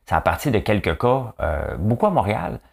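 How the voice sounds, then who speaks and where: A man's voice: fairly low pitch, sing-song, fairly quick, creaky, breathy edge. A man with a Quebec French accent and a nasal voice, hosting a casual, joking commentary monologue and tagging his sentences with "hein". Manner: chatty, joking, fills talk with "hein". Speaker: show host.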